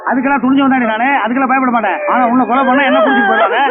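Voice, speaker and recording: An actor playing a domineering middle-aged father who shouts threats at his wife and daughters. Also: extremely high pitch, steady tone, rapid-fire, heavy background noise. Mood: menacing. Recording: phone-like band with loud film music.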